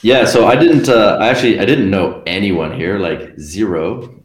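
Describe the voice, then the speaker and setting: Speaking at a moderate pace in a fairly low voice, a young Canadian guest musician rambles through a casual interview, using lots of fillers and laughing between phrases. The recording has a roomy echo.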